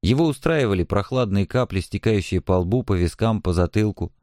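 Brief: measured male audiobook narrator, low-pitched, dry close read. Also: animated, a little mellow, no room sound.

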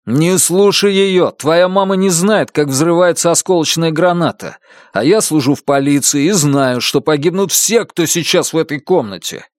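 A man's voice: medium pitch, lively intonation, a little slow, dry recording. A man as a firm reassuring police detective, mid voice, dry close audiobook sound. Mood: steady urgent. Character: calm, steady male police detective.

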